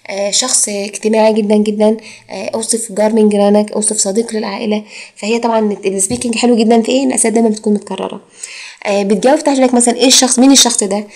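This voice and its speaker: A woman's voice: mid-range voice, darkish tone. A woman teaching an IELTS course in Egyptian Arabic, mixing in English exam phrases and drawing out her fillers. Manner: drawn-out fillers and hesitations. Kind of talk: recorded lecture.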